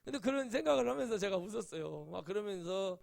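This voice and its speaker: Gravelly, high-voiced male pastor preaching. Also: animated, fast. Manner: chatty storytelling, rising to emphatic exclamations. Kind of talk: sermon with anecdotes.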